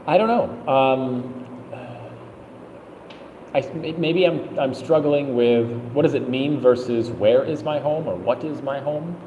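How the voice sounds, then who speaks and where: A man's voice: mid-range voice, slow pace, roomy sound, big-room sound, lo-fi sound, slight background noise. A man in his thirties, a travel vlogger, casually answering viewer questions on a live stream, rambling and thinking aloud. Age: 30s.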